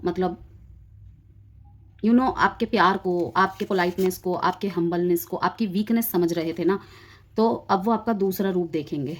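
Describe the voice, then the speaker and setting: A woman giving a collective tarot reading, explaining the cards straight to her viewers and mixing in English words. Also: mid-range voice. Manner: explanatory, addresses viewers directly, drifts between Hindi and English. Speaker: tarot reader.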